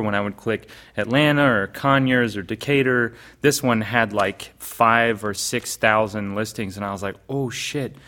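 A man's voice: lowish voice, a bit bright. A man co-hosting a casual podcast, telling stories in a chatty way, swearing and acting out his reactions. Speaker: podcast co-host.

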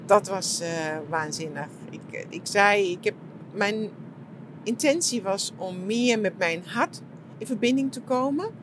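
A middle-aged woman talking reflectively about her retreat, soft and searching, with many fillers and restarts. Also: medium pitch, measured pace, background noise. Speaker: shiatsu practitioner and podcast host. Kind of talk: reflective personal monologue.

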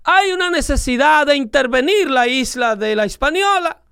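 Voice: sits high, animated, moderate pace, creaky, pushed and bright, dry recording, clean studio sound. A speaker with a Dominican accent in casual political chat, talking in an emphatic, lecturing way and repeating phrases for stress. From Dominican Republic.

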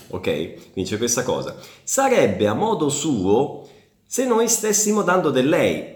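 A man teaching Italian in a casual online lesson, chatty and often checking in with quick tag questions. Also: mid-range voice, roomy sound. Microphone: camera.

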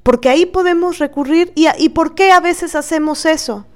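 A woman's voice: very high-pitched, moderate pace. A woman with a Mexican accent, hosting a podcast and talking in an earnest, emphatic way, often asking questions of herself and others. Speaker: podcast host. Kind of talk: reflective podcast talk.

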